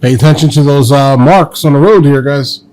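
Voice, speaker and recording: A man's voice: a little high, moderate pace, a little mellow. A man hosting a movie reaction, chatting to viewers with teasing asides. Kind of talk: casual reaction commentary.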